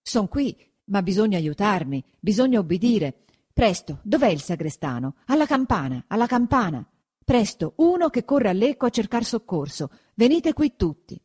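A woman's voice: on the low side, lively intonation, moderate pace, darkish tone, breathy edge. A woman reading aloud, voicing a village magistrate who hurriedly barks orders to a crowd. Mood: commanding. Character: commanding village magistrate man, bossy.

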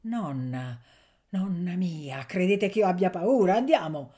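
A woman's voice: lowish voice, animated, a little slow, mellow. A woman voicing a grief-stricken young man who cries out in anguish and horror. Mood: alarmed. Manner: anguished, crying out.

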